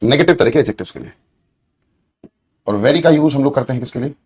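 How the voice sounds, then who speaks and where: A husky, darkish mid-range male voice moves quickly through an exam-prep English grammar class. Repetition is his method: he asks students questions and elongates words while dictating.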